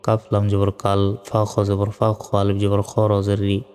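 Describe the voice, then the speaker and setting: A man teaching recitation, spelling out each letter and vowel mark, then chanting the verse slowly. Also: fairly low pitch, monotone, smooth. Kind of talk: slow spelling-out lesson with recitation. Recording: reverberant room with soft music.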